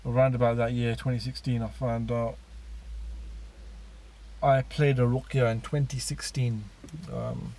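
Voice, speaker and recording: A man's voice: mid-range voice, flat delivery, measured pace, pauses often, mellow. A man telling his personal story in a casual monologue, rambling with many fillers and restarts.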